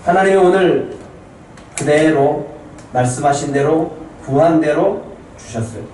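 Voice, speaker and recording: A man's voice: fairly high pitch, unhurried, darkish tone, slight background noise. A man preaching a Sunday sermon as pastor, calling out to his congregation and reading scripture with them. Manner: calls out to the congregation, reads scripture aloud with them. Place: church sanctuary. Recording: echoey church hall from far off.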